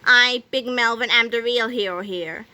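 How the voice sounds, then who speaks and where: A woman's voice: on the high side, normal speed, pushed and bright. A woman doing a bragging boy genius. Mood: boastful. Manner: bragging, self-important. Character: boastful bratty boy genius. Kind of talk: storybook read-aloud.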